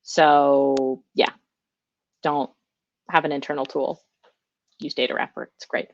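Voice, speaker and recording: A woman's voice: extremely low pitch, fairly even intonation, takes it slowly, dry recording, muffled recording. A woman giving a casual, enthusiastic conference talk over a video call, chatting with lots of fillers. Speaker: conference speaker.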